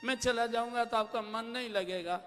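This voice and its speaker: A man's voice: extremely high pitch, moderate pace, a bit bright. A male storyteller voicing an earnest, sensitive small boy who questions and pleads with his mother. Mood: affectionate. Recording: reverberant hall with instrumental music.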